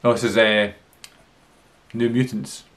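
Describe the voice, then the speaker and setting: A man's voice: lowish voice, flat delivery, a little slow, a bit bright. A young man giving casual, off-the-cuff reaction commentary in a room at home, as a video host. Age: young adult. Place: small furnished room at home.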